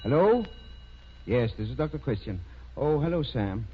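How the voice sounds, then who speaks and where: An actor playing a kindly, fatherly older small-town doctor in a 1930s radio drama, speaking a little hesitantly and gently reproving. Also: mid-range voice, big pitch swings, normal speed, a little hiss or hum, close to an everyday voice. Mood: warm, businesslike. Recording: muffled 1930s radio recording.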